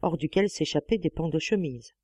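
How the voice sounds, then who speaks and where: A woman narrating a classic novel as an audiobook, with a measured, expressive reading on a close mic. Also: deep voice, husky, no echo. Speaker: audiobook reader.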